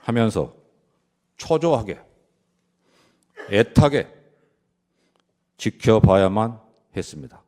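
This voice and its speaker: A man gives a formal prepared closing argument as a lawyer, solemn and deliberate, stressing short phrases. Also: fairly low pitch, expressive, mellow. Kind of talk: formal prepared courtroom speech.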